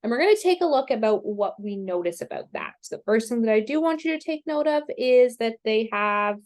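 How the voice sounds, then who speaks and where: A woman math teacher explaining graphing step by step in a slow, patient way, with self-deprecating asides, and she has the hiccups. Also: a little high, lively intonation, darkish tone. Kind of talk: recorded screen-share math lesson.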